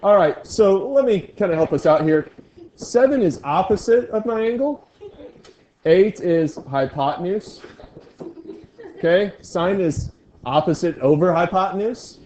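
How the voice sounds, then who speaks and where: A man's voice: sits high, animated, unhurried, darkish tone, a little hiss or hum, rough recording. A male teacher leading a classroom review lesson, joking with his students. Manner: playful, jokey with students.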